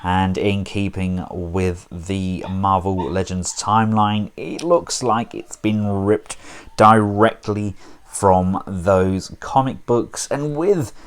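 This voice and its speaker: A man's voice: low-pitched, slow, smooth. A man casually reviewing a collectible action figure, chatty with wry asides.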